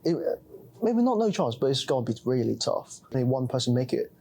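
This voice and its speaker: Halting young man from Hong Kong. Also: medium pitch, sing-song, mellow, husky. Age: young adult. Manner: halting, frequent fillers like "yeah". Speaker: student. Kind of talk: casual discussion.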